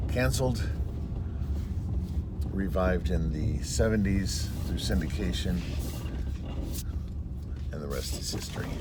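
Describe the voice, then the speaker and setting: A man's voice: low-pitched, heavy background noise. A middle-aged man, a band director, chatting casually to camera in a vlog and musing aloud as he goes about his day. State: a little out of breath.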